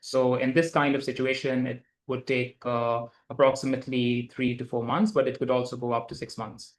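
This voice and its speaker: Lawyer guy on a call, monotone, lots of uhs and restarts, echoey room. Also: medium pitch, moderate pace. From Dubai. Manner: hesitant, many fillers and restarts. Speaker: lawyer guest. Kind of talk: explanatory interview answers. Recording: roomy echo.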